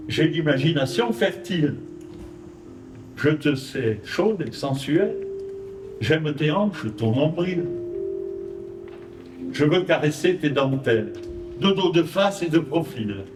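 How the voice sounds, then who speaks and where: A man's voice: a little high, lively intonation, over music. A man with a Provençal French accent reciting his poems on stage at an art exhibition, with short spoken introductions between them. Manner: measured, rhythmic verse delivery with brief spoken introductions. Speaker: poet. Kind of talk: live poetry recital. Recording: roomy live recording from a distance. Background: zither accompaniment.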